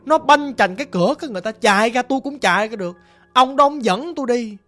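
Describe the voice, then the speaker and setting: A woman's voice: a little high, lively intonation, fast, faint music behind, voice pushed up, natural voice. A woman with a Southern Vietnamese accent voicing the vengeful ghost of a young woman in a storytelling narration, talking in a plaintive, rambling way. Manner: plaintive, rambling, repeating herself.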